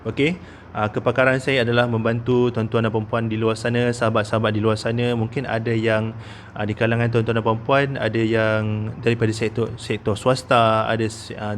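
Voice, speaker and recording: A man's voice: mid-range voice, slight background noise. A man in his thirties with a Malaysian Malay accent, giving a casual investment talk as a consultant, with many "ah" fillers and "okey?" tags. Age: 30s.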